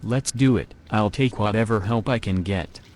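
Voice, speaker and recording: A vengeful vampire game character in a synthetic man's voice, low in pitch. The text-to-speech delivery is curt and menacing, with faint noise behind it. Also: normal speed, close to an everyday voice. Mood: resolute.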